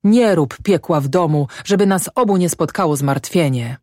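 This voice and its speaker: A woman reading an audiobook and voicing a drunk, tearful older village headman who pleads and sobs, pitched higher than her own voice. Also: expressive, takes it slowly, a little mellow, dry recording, clean studio sound, exaggerated voice. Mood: sobbing. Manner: tearful, pleading, self-abasing. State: sobbing, drunk.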